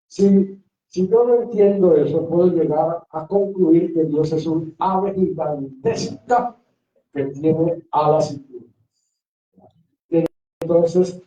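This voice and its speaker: Captured by a dull, lo-fi mic placed far off in an echoey room, a pastor lectures his class in a Bible workshop. He repeats rhetorical questions to his students, speaking in a slightly high voice with a dark timbre.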